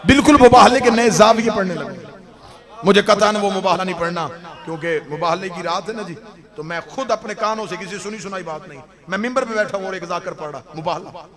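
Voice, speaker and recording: A man giving a religious sermon to a gathering, moving from quiet recitation to loud, impassioned, near-sung peaks. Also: sits high, fairly quick. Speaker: Shia cleric giving a majlis. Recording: crowd audible behind the voice. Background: crowd reacting, cheering.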